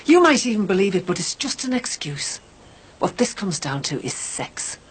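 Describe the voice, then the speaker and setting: A woman's voice: medium pitch, sing-song, moderate pace, slight background noise, lightly acted. A woman playing a stern, disapproving mother of a grown son in a soap drama, blunt and reproachful.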